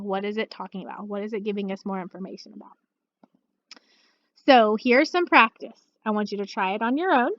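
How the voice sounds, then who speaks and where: A woman's voice: a little high, dry recording. Patient woman teacher, slightly dull audio. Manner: patient, steady, uses many "okay" and "all right" check-ins. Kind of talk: recorded grammar lesson. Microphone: computer mic.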